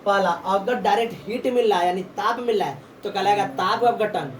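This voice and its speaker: A woman's voice: medium pitch, a little fast. A woman teaches a class, firing questions at the students and repeating each answer back to them. Her voice comes from some distance in a roomy classroom, with faint noise behind it. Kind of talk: classroom lesson. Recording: echoey room from far off, faint background noise.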